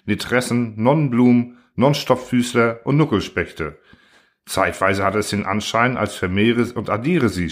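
A man with a fairly low voice narrates an audiobook. His reading is measured and even, with steady storytelling pacing.

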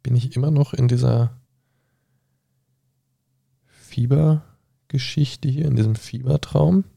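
A man reading a solo gamebook aloud on his podcast, pausing to mutter hesitant asides while leafing through pages. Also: medium pitch, steady tone, vocal fry, dark tone, dry recording. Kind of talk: reading aloud and thinking out loud.

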